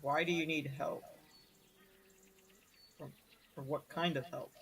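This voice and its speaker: A man's voice: a little high, steady tone, slow, a bit bright, a little hiss or hum. A man talking casually as a player in a tabletop game. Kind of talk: casual chat.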